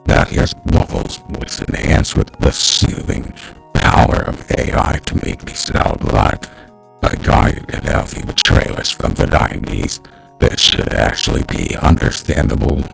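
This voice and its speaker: A man speaking through an AI voice changer that morphs his voice into a deep 1990s movie trailer announcer, gravelly and artificial. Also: animated, unhurried, a bit bright, faint music behind, exaggerated voice, rough recording. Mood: announcing. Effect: AI voice changer morphing his voice deeper.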